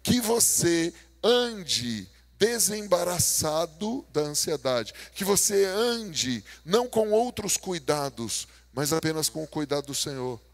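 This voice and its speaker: A man with a Brazilian Portuguese accent preaching a humorous sermon, telling stories and acting out dialogue, swinging between loud bursts and quiet asides. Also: fairly high pitch, takes it slowly, hardly any pauses, soft background music. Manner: animated, jokey, acts out dialogue, swings from loud to soft.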